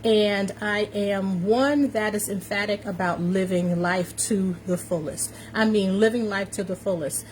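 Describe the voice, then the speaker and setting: A woman's voice: medium pitch, unhurried, few pauses, rough recording. A woman of fifty-five with an American accent hosting a casual livestream, upbeat and emphatic, often repeating her phrases. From New York City, United States. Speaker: live stream host, confidence coach. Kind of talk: casual livestream chat to viewers. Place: warm room indoors. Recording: steady fan noise behind voice.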